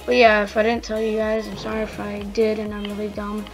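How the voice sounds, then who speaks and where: A gravelly, medium-pitched voice speaks in a monotone, a little fast, giving rambling gameplay commentary. It comes from an eleven-year-old gaming video host who is almost twelve, sounding slightly strained and slangy, with background music behind.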